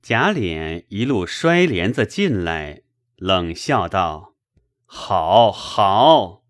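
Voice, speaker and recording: A man narrating a classical novel in measured storytelling. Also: deep voice, sing-song, fairly bright tone, dry recording, clean studio sound. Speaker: audiobook narrator.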